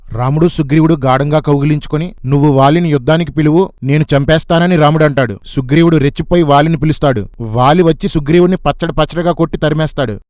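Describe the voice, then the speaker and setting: A man narrates an old epic in a mocking voice-over, cutting in with scornful asides. His voice sits a little high. The sound is dry and close, with no room around it. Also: dry recording. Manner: sarcastic, scolding asides. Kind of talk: mocking satirical retelling.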